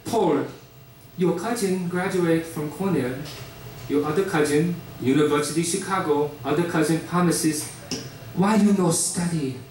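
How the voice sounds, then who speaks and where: A woman's voice: moderate pace, darkish tone, slight background noise, close to an everyday voice. A man voicing his strict Korean immigrant mother, with a Korean accent and broken English. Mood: scolding. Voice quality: broken English, shrill cackling laugh. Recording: roomy club echo from a distance.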